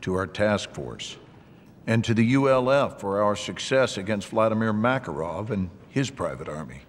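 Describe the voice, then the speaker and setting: A man's voice: on the low side, lively intonation, lightly acted. Tough older American general played by a man, echoing chamber. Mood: stern, measured. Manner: tough, formal, deliberate. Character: stern, measured older American army general under questioning. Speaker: military general testifying. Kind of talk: dramatic game cutscene acting. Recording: reverberant chamber, background ambience noise.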